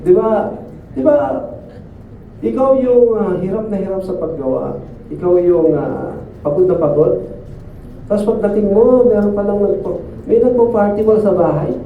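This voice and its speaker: A man's voice: high voice, lively intonation, moderate pace, long pauses, slight background noise. A man preaching a sermon at a church service in a conversational way, often asking the listeners to agree. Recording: echoey distant phone-like sound.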